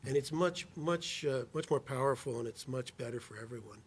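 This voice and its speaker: Husky man, deliberate panelist. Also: medium pitch. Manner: deliberate, stressing key words slowly. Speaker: conflict mediation panelist. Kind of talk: panel discussion.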